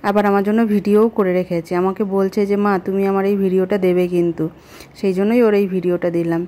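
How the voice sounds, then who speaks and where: A woman's voice: medium pitch, warm tone. A middle-aged woman chatting casually and directly to her viewers as a family vlogger. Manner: conversational, addresses viewers directly. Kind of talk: casual home vlog chat.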